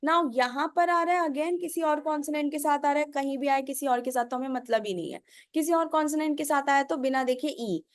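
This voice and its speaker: A woman's voice: high voice, fairly quick, no room sound, studio quality. A woman with an Indian accent teaching Korean pronunciation, asking and answering her own questions step by step. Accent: Indian English. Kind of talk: whiteboard lesson explanation.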